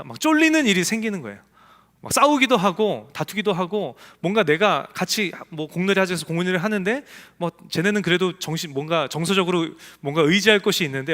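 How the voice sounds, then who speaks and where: A man's voice: on the high side, fairly bright tone. A man preaching a sermon as pastor in a church sanctuary, emphatic and acting out the voices he quotes. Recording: echoey church hall.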